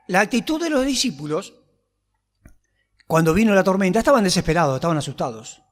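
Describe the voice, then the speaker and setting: Rioplatense preacher in a reverberant church. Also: male voice, high voice. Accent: Rioplatense Spanish. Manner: conversational storytelling with humorous asides. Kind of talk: sermon with Bible reading. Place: church hall.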